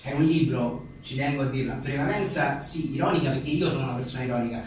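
A man talks conversationally as the interviewed writer at a live book presentation, rambling and hesitating and adding little tag questions. He's a fast talker with a medium, slightly mellow voice, recorded from a distance in an echoey venue with faint noise.

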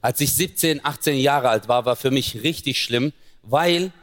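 A man's voice: mid-range voice, moderate pace, fairly bright tone. A man doing stand-up comedy, telling a story and acting out voices of family and objects.

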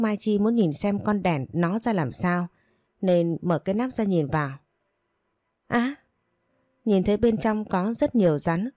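A woman reads a romance story aloud in a steady, even manner. Her voice sits low and sounds mellow, and the recording is dry and close-miked, with no room echo. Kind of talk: audiobook story narration.

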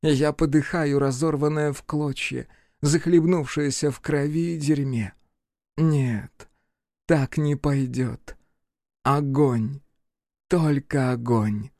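A man voicing a stubborn, resigned young witch woman in an audiobook, speaking quietly and slowly. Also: on the high side, steady tone, dry recording, studio quality. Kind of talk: audiobook character voice.

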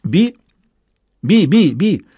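A man's voice: high voice, sing-song, very slow, dark tone, breathy edge, no echo, pitched above the performer's own voice, exaggerated voice. A man voicing an eerie tiny talking bird that chirps short words over and over. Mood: eerie chirping.

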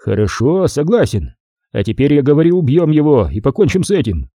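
A hot-tempered crooked gangster in a crime audiobook, as a male narrator puts him on, cursing and roaring in a voice pushed above the reader's own. The tone stays husky and dark with lively swings. The recording is dry and close. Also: on the high side, fairly quick, dry recording, pitched above the performer's own voice. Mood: angry. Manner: crude, shouting, swearing. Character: hot-tempered crooked gangster, adult man, crude and impatient.

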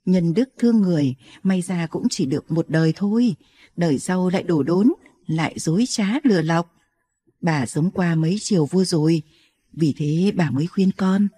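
A woman reading an audiobook, voicing a very old, wary grandmother who talks slowly and solemnly. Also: on the low side, dark tone, husky. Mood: grave. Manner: slow, measured, solemn.

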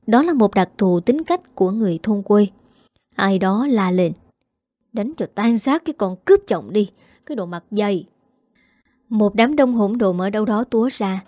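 A woman narrating a dramatic story with a steady, scripted reading. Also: medium pitch, no room sound.

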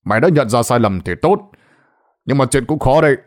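A man voicing a stern, gruff older village sorcerer in a spoken ghost story. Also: mid-range voice, animated, brisk, close to an everyday voice. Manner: gruff, scolding, commanding.

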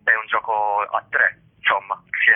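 A stage actor is interviewed over the phone and talks casually about his own work in a hesitant, self-deprecating way. His lowish voice is level in tone at a moderate pace, heard through a muffled, narrow-band telephone line.

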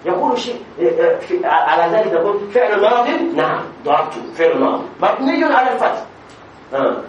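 A man teaching a grammar lesson as a sheikh, asking questions and answering them himself, with frequent hesitations and repeated words. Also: high voice. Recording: echoey room, distant mic, faint noise.

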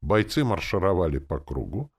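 A man narrating an audiobook in an expressive first-person manner. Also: low-pitched, normal speed, breathy edge.

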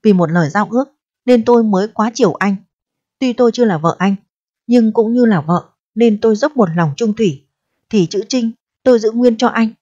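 A woman's voice: moderate pace, dark tone, no echo, natural voice. Woman voicing a desperate young woman, pleading, reproachful, proud, dull dry recording. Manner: pleading and reproachful, turning shrill when upset. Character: distressed pregnant eighteen-year-old woman, proud and desperate.

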